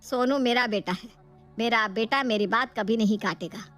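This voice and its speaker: A woman's voice: fairly high pitch, normal speed, fairly bright tone, faint music behind, close to an everyday voice. A woman voicing a stern, bossy but protective older mother-in-law in a cartoon, talking in a commanding, scolding way. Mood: coaxing. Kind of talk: cartoon voice acting.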